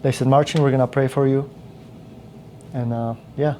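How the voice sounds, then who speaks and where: In a casual podcast interview, a thirty-something guest from Poland, a native Polish speaker, wanders through his story with constant restarts and fillers, often doubling back. His voice is mid-range, mellow and dark, holding a steady tone at normal speed, over a faint hum of room ambience.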